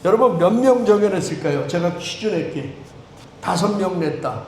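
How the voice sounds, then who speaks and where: Male priest, high voice, chatty joking sermon, roomy church sound. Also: animated. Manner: conversational, joking with the congregation, quick swings between loud and soft. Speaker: Anglican priest. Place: church sanctuary. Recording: echoey church with faint room noise.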